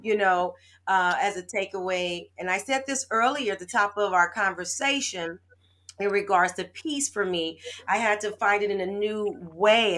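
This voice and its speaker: A woman's voice: medium pitch, fairly bright tone. A woman hosting an inspirational talk show over a video call, effusive and heartfelt, close to tears at times.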